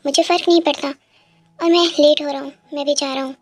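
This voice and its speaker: A woman's voice: high-pitched, steady tone, fairly quick, darkish tone, pitched below the performer's own voice, close to an everyday voice. A woman voicing a playful young husband who teases his wife in a storybook tale. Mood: brisk. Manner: teasing, playful. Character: young husband, teasing and affectionate.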